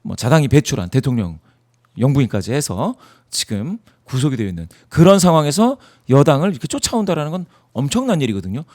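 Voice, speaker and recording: A man's voice: medium pitch, very animated, fast talker, darkish tone. A man in a studio interview, explaining poll data emphatically and asking himself rhetorical questions. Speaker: poll analyst guest.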